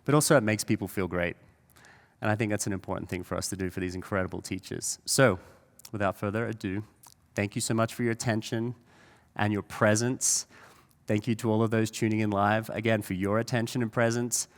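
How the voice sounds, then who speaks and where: A man's voice: on the low side, fairly even intonation, a little fast. A man hosting a live conference, giving an earnest welcome speech that rouses the audience before the first guest. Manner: earnest, rousing address to the audience. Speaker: event host. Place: large event hall with live audience. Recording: long hall reverb.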